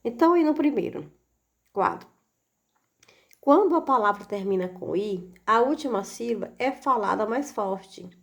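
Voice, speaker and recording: A woman's voice: a little high, lively intonation, creaky. A woman teaching a recorded video lesson for children, speaking patiently and asking rhetorical questions as she goes. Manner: slow, patient, asks rhetorical questions with frequent "né?".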